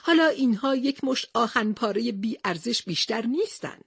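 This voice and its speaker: A woman's voice: on the high side, lively intonation, creaky, breathy edge, dry recording, clean studio sound, heavily acted. A woman voicing a gloomy older male professor in a storybook, glum and resigned.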